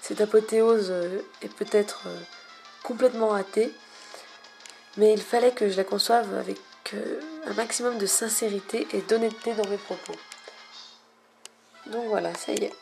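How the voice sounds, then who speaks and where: Casting: young woman, hushed library-quiet voice, lyrical and halting game commentary, soft music behind. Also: fairly even intonation, creaky. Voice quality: low-volume, hushed voice slipping into whispers. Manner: lyrical, florid wording with many hesitations. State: slight cough lately. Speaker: video game player narrating own recording.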